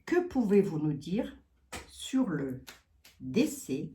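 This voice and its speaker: A woman's voice: low voice, big pitch swings, takes it slowly, warm tone, a little hiss or hum. A woman with a Lorraine accent, chatting casually and folksily with her viewers as a psychic card reader. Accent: Lorraine French. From Lorraine, eastern France. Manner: chatty, folksy, peppers talk with "hein".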